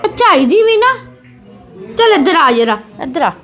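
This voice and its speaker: Woman playing an indignant young mother, very high voice. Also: big pitch swings, moderate pace, slight background noise, exaggerated voice. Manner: indignant, forceful, scolding. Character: fierce young mother defending her daughter. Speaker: daughter-in-law in family drama. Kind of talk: scripted family drama.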